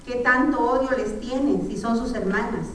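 A woman's voice: fairly high pitch, moderate pace, a bit bright, close to an everyday voice. A woman doing a frank, motherly neighbor. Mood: concerned, advising. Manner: questioning, giving frank advice. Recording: echoey room, far from the mic, faint noise.

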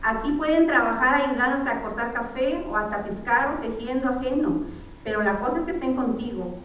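A woman's voice: on the high side, brisk, a bit bright, a little hiss or hum, lightly acted. A woman voicing a concerned neighbor woman who questions and gives frank advice, in an echoey room far from the mic. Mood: concerned, advising.

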